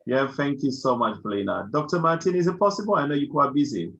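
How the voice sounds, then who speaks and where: A man's voice: medium pitch, animated, quick pace, fairly bright tone. A man hosting an online community meeting, switching between English, Lingala and French in a casual way. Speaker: community group host. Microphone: video call. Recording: dull lo-fi video call audio.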